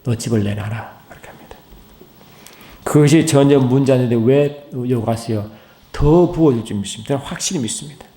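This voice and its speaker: A middle-aged man preaching a sermon as pastor. He swings between loud, high, rising calls and low, hushed asides, and keeps asking the congregation questions. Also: brisk. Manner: asks the congregation many questions. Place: church sanctuary. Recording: roomy church echo.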